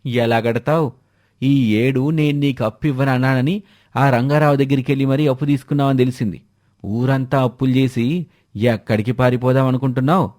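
A bullying village moneylender in a plain middle-pitched male voice, as the narrator plays him. He scolds and demands without letting up. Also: steady tone, a little fast, a little mellow, natural voice. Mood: harsh.

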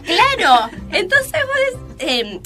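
A woman with an Argentine accent hosting a casual radio talk show, telling stories in an exasperated, animated way. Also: very high-pitched, drawn-out words, soft background music. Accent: Rioplatense Spanish. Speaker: radio host.

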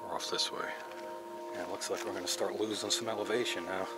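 A middle-aged hiking vlogger walks wooded mountain trails, chatting with enthusiasm and musing aloud, captured on an action camera. His low voice keeps a fairly even intonation at a quick pace, with loud music playing behind him.

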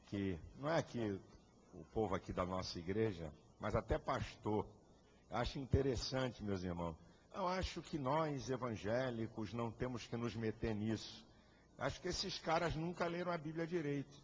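A man's voice: fairly low pitch, a little hiss or hum. A man, a pastor, preaching a fiery and combative sermon full of rhetorical questions. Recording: echoey hall, dull lo-fi sound.

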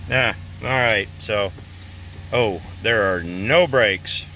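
A man's voice: fairly low pitch, takes it slowly, pushed and bright, slight background noise. A man in his forties talking plainly with lots of fillers, filming himself at arm's length in his car and outdoors in a driveway as he works on the car. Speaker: vlogger doing car maintenance. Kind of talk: casual how-to vlog. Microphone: handheld camera at arm's length.

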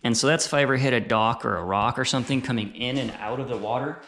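Speaking fast and relaxed, a thirty-something man who hosts an outdoor gear channel demonstrates a casual how-to while working, repeating words as he goes at a normal middle pitch. He's captured by a stand-mounted camera across a small, bare, echoey room, which is later held close.

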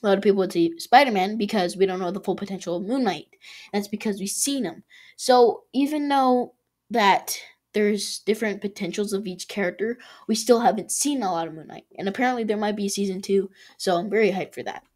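Woman vlog host, casual review, excitable, rambling, many fillers and restarts. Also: medium pitch, brisk. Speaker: channel host ranking shows.

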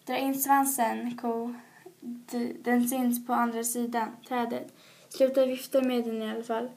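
A woman's voice: on the high side, level tone, darkish tone, natural voice. A woman voicing a bossy, anxious male crow who hisses urgent orders. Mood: hissing.

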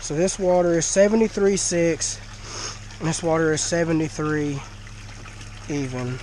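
This rough recording captures a fish-keeping vlogger, congested and talking through a blocked nose, as he casually films his tank in a dim cinder-block shed on a worn action camera. His fairly high voice is steady, a little slow and slightly mellow, his manner folksy and chatty. Slight background noise is present.

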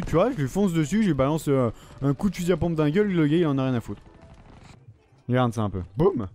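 Excitable swearing man doing game commentary. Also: fairly high pitch, a little hiss or hum. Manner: excitable, swearing a lot, slangy. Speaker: gaming video creator. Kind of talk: live gameplay commentary.

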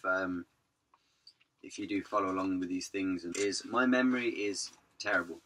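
Low raspy guy rambling through his van trip vlog, bit hoarse, punchy tone. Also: sharp tone. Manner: rambling, chatty storytelling. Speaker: vanlife vlogger. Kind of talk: casual vlog narration.

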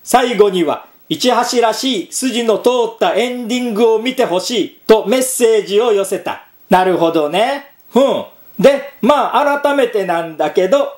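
A man with a high voice talks through his own commentary podcast in a chatty manner. He reads passages aloud and drops in little filler sounds between them. The room around him gives an echo. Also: a little mellow. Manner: chatty, reading quotes aloud with frequent filler "un". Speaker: podcast host.

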